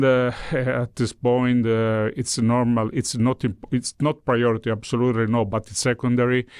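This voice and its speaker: Speaking English as a second language, a man representing a cultural foundation responds in an interview, groping for words and repeating some for emphasis. His voice is mid-range with a darkish, clean tone, captured in clean studio sound without echo.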